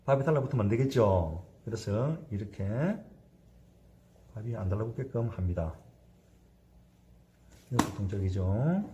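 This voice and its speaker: A man's voice: lowish voice, animated, normal speed, long pauses, mellow, lo-fi sound, slight background noise. A man in his fifties, a cooking instructor giving a hands-on sushi demonstration, chatty and constantly asking his class to agree.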